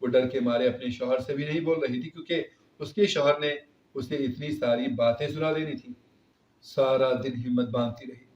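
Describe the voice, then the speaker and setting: A man telling a moral story in steady scripted narration. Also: mid-range voice, a little hiss or hum. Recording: roomy, distant, dull recording.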